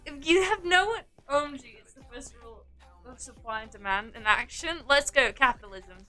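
Playful high-voiced young woman streamer. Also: expressive, a little fast, pushed and bright, faint music behind. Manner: playful, teasing, giggly. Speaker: livestreamer. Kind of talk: casual livestream chat.

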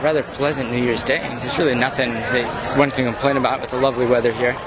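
Wry man commentating amid loud outdoor crowd noise. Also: medium pitch, fairly even intonation, fast. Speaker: vlogger narrating an outdoor event. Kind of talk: casual on-the-spot commentary. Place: outdoors in a busy public crowd. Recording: noisy outdoor crowd and urban ambience.

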